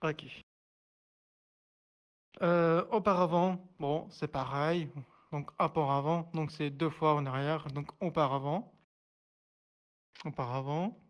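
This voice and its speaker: A man's voice: a little high, steady tone. A man teaching a sign language class online, hesitant, full of fillers and restarts, repeating each word as he signs it. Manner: repeats each word slowly while signing. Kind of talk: live online class explanation.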